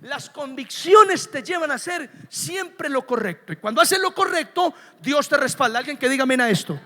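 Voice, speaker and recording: A man preaching a sermon as pastor, emphatic, dropping soft and then rising to shouts. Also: very high-pitched, animated, moderate pace. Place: church. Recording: long church reverb.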